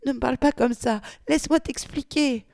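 A woman voicing a frightened young woman who pleads in a high voice. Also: moderate pace, creaky, darkish tone, no room sound, studio quality. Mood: pleading.

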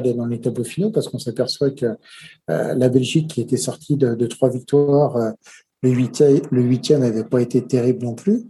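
A man's voice: mid-range voice, dark tone, slight background noise. A man giving casual football match commentary and tactical analysis, talking hesitantly with many filler sounds.

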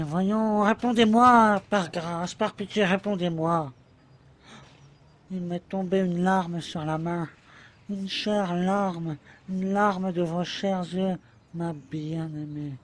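A man playing a slow, pleading devoted lover. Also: high-pitched. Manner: tender, pleading, insistent. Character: adoring, anxious young male lover. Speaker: voice actor. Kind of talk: amateur audio drama acting.

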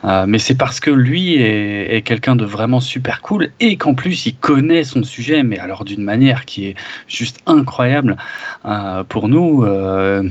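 A man co-hosting a podcast in casual chat, enthusiastic but halting, full of fillers. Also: medium pitch, expressive. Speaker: podcast co-host. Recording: dull lo-fi sound.

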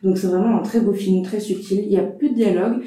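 A woman's voice: medium pitch, fairly even intonation, quick pace, dark tone, very echoey, far from the mic, rough recording. A woman reviewing films in a casual panel discussion, hesitant with many fillers. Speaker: film critic panelist.

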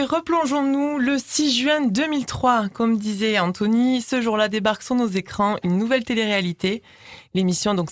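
A woman's voice: medium pitch, no room sound. Playful woman co-host, dry sound. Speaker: co-host presenting a segment. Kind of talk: casual chat with read presentation.

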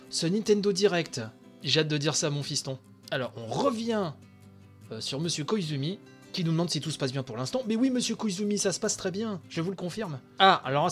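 A tired man hosting a podcast, giving chatty, excitable live commentary on a video stream, full of fillers and asides. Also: on the high side. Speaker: podcast host.

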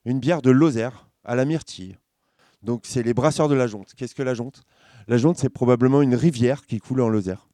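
A man presenting a beer in casual podcast chat, halting and full of fillers. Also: mid-range voice, dark tone, no echo, clean studio sound. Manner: hesitant, halting delivery with many fillers.

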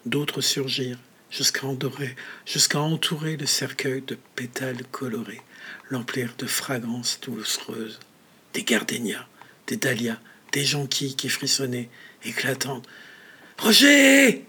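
Slow, husky male storyteller. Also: mid-range voice, flat delivery, pushed and bright. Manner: measured, often dropping to a whisper. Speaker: narrator. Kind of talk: audiobook story reading.

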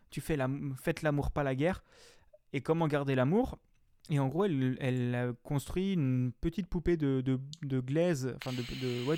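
A man's voice: medium pitch, darkish tone, no echo, studio quality. A young man reviewing a game in casual chat, rambling and slangy, with frequent swearing and filler words.

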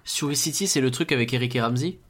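A man's voice: medium pitch, fast talker, a bit bright. A man hosting a casual film podcast, jokey and leading the talk. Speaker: podcast host.

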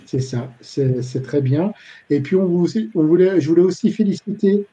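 A man's voice: fairly high pitch, normal speed, warm tone, slightly rough, low-quality recording. A man co-hosting a casual football talk show, rambling with fillers and dry jokes. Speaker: football podcast co-host.

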